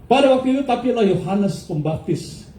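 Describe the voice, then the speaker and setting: A man's voice: high voice, lively intonation, a little fast, mellow, echoey room, a little hiss or hum. A male pastor preaching a sermon, questioning his congregation, laughing often and dropping English words into his speech. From United States.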